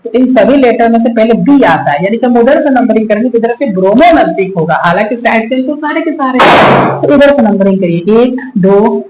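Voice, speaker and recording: Hindi chemistry teacher counting carbons aloud. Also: male voice, extremely high pitch, animated, a little fast, background noise. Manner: repeats steps and counts aloud patiently; addresses students as children. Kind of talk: whiteboard lesson. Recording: echoey room, faint ambience.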